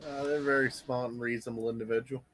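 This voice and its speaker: A man's voice: mid-range voice, little pitch movement, fast talker, fairly bright tone, slight background noise. A man on voice chat with a friend, teasing him dryly in casual banter. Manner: dry, teasing.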